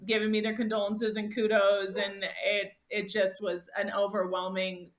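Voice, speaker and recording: A woman guest on a podcast, telling her race story in a casual, animated way and laughing often. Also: mid-range voice, normal speed, reverberant. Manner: animated, laughs often, voice rises sharply when reliving moments.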